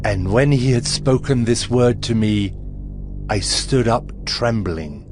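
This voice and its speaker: This is dramatized scripture storytelling: a man with a medium-pitched, animated voice plays Daniel, the humble, awestruck Hebrew prophet describing visions. He speaks slowly, gravely and deliberately with reverence, sounding solemn and amazed, while music sits clearly beneath him.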